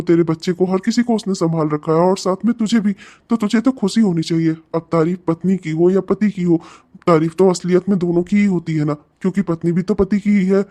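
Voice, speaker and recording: A man's voice: sits high, dark tone, natural voice. A man voicing an easygoing young friend in a cartoon, casually talking sense into his buddy. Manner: casual, coaxing, reasonable. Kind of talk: cartoon voice acting.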